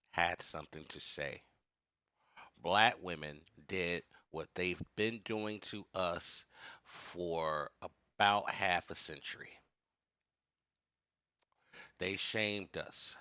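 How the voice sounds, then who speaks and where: An American man delivering a booming, motivational, preacher-like commentary, emphatic and repeating phrases for effect. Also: takes it slowly, long pauses, clear, resonant tone, no room sound. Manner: emphatic, repeats phrases for effect, swings from low asides to shouted outbursts. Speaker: online video commentator.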